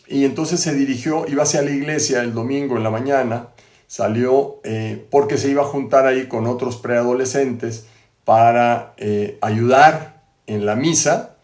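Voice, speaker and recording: Male host, chatty storyteller with many tag questions, middle pitch, echoey room. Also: darkish tone. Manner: conversational, frequent tag questions and restarts. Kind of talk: storytelling biography retelling. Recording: roomy echo.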